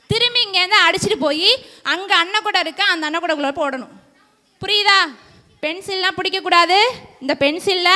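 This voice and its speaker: Woman organizer, sharp high voice, walks kids through game rules and keeps asking if they follow, echoey church hall. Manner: repeats steps and checks for understanding. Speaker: children's event organizer. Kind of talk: explaining game rules to schoolchildren.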